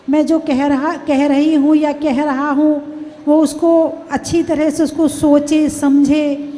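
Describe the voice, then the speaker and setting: A woman's voice: sits high, dark tone. A woman Jain nun delivering a sermon, repeatedly questioning the audience and urging them to answer, sometimes acting out everyday household speech. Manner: acts out quoted household speech. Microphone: microphone with added echo. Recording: reverberant hall, faint background noise.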